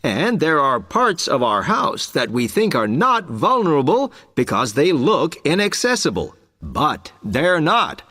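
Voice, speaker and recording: An informative male salesman voiced by an actor gives a scripted, polite presentation. His voice is on the high side for a man and moves with very lively intonation. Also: unhurried, few pauses, exaggerated voice. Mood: polite, persuasive. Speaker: alarm salesman.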